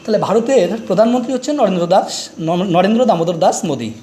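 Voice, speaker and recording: A middle-aged male teacher walks through a grammar lesson. His voice sits high for a man. He keeps asking short questions and answering them himself. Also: animated, rapid-fire, warm tone, slight background noise. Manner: explains step by step with repeated quiz questions. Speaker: English teacher. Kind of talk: grammar lesson explaining articles.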